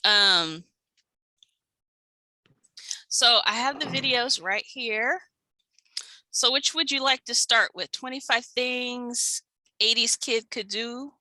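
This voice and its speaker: A woman's voice: a little high, takes it slowly, pauses often, bright, forceful tone, no echo. A woman co-hosting a casual online chat from her home studio, goofy and giggly, over a video call. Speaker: co-host.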